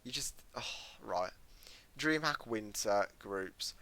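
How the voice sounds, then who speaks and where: A British man in his late teens co-hosting a podcast in casual chat, loud and chatty, often trailing off into quiet asides. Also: on the low side, animated, slow. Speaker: podcast co-host.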